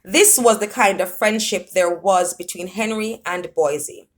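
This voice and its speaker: Female reader for literary prose, slow measured read, laughs along with the text. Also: mid-range voice. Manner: unhurried, laughs while reading. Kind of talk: reading prose aloud.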